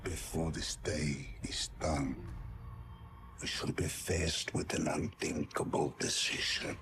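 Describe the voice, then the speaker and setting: An actor playing a solemn, ominous villain, speaking in slow measured pronouncements with a heavy accent. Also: male voice, a bass voice, fairly even intonation, background noise, heavily acted.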